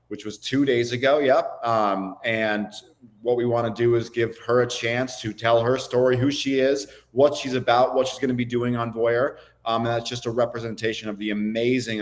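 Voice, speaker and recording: A man co-hosting a livestream chat, upbeat and gushing with excitement. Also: medium pitch. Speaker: co-host.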